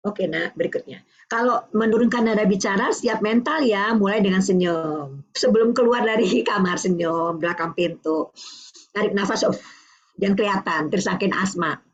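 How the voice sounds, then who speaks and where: An older woman from Indonesia giving a lively parenting talk, acting out dialogues between a parent and a child. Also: medium pitch, moderate pace, muffled recording. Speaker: parenting speaker.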